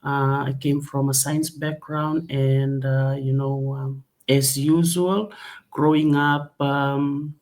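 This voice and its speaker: Hesitant flat-voiced woman guest from Fiji. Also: a bass voice, slow pace. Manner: hesitant, many fillers. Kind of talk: online interview.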